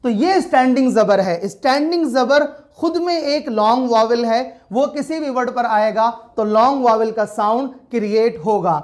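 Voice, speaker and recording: A woman teaching an Arabic lesson, explaining slowly and repeating each sound, asking the question back before answering it herself. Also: a little high, darkish tone.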